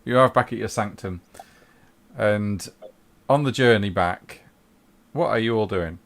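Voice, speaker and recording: Lively male game master. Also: on the low side, a little slow. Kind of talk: narrating a tabletop game.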